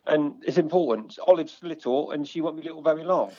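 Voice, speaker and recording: A middle-aged man calling in, chatting casually in a halting, matey way. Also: on the high side, darkish tone. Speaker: caller, forest school leader. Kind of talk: casual phone-in chat. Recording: dull, lo-fi call audio.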